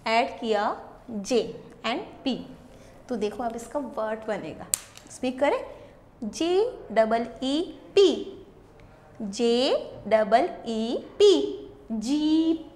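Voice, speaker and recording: Slow high-voiced teacher spelling words aloud. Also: female voice, expressive, a little mellow, roomy sound, a little hiss or hum. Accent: Indian. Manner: slow, sounds out words letter by letter. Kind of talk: online phonics class.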